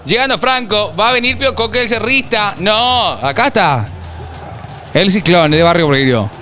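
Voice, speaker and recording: A young man in his twenties with a high, bright, forceful voice. He hosts a casual football live stream, bantering and reading chat messages aloud. Faint music plays underneath. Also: animated, normal speed. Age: 20s. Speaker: streamer hosting a football watch-along.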